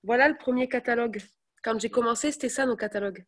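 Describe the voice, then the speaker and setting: A young woman chatting casually to her viewers, telling animated stories. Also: on the high side, quick pace. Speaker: network marketing presenter. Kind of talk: casual live chat.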